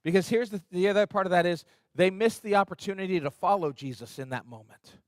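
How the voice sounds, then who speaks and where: A pastor preaching a conversational sermon in a church, acting out quotes in an earnest, lively way. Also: male voice, sits high, fast talker, no room sound, studio quality. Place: church sanctuary.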